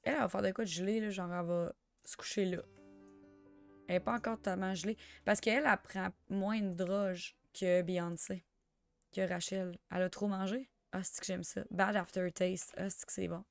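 A young woman with a Quebec French accent chatting through a life-sim game, excitable and sprinkling in English slang. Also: mid-range voice, normal speed, vocal fry, soft background music. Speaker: gamer. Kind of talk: let's play commentary.

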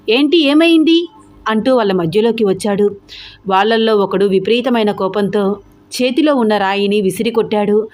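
A woman tells an audio story in scripted narration. Her reading is steady and even throughout. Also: medium pitch.

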